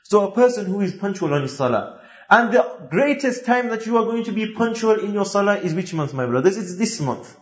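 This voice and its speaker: A man's voice: high-pitched, animated, a little fast, reverberant, muffled recording. A man preaching a sermon, telling a story earnestly and quoting Arabic verses.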